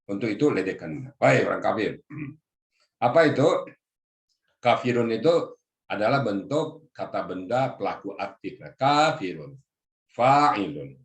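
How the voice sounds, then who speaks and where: Deep-voiced man teaching Quran grammar. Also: very animated, measured pace, reverberant. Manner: explains word by word, addresses listeners as Pak. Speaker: religious teacher. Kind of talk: Quran exegesis lesson to a group. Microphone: video call.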